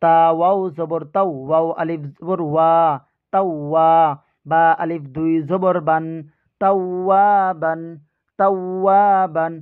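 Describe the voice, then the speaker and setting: Man slowly spelling out Arabic syllables. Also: a little high, little pitch movement, smooth. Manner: slow, drawn-out recitation of each syllable, repeated. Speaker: Quran reading teacher. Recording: tinny phone-like sound.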